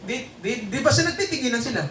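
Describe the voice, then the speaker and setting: High, bright-voiced preacher in an echoey hall. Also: male voice, animated, fast, recorded from a distance, a little hiss or hum. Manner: quizzes the congregation with repeated tag questions. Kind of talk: sermon and prayer. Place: church hall before a congregation. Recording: echoey room, voice from off-mic, faint ambience.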